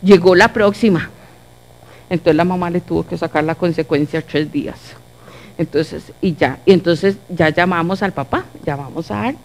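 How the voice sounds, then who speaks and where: Animated Costa Rican woman telling a story. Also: on the low side, normal speed, slight background noise. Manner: animated storyteller acting out dialogue. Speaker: church speaker. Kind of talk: testimony in a church talk.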